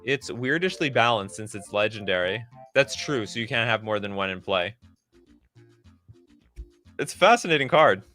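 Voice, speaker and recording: Excitable, lively male streamer. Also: fairly low pitch, moderate pace, long pauses, faint music behind. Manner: excitable, reacts loudly to chat. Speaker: streamer rating game cards. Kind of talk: live stream commentary.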